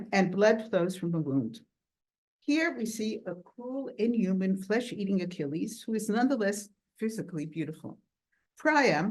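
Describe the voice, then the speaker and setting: At a workshop, a woman gives an academic lecture, reading quoted texts aloud in a measured, deliberate way and slowing down to stress key words. Her voice is mid-range and a little mellow, and the audio is poor.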